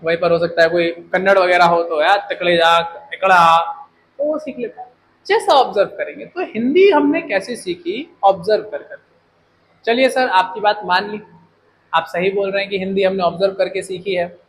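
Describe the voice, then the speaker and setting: A young man with a Hindi accent teaching an English class, animated and jokey, often asking rhetorical questions. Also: high-pitched, moderate pace, low-quality recording. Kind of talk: classroom lecture. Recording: faint background noise.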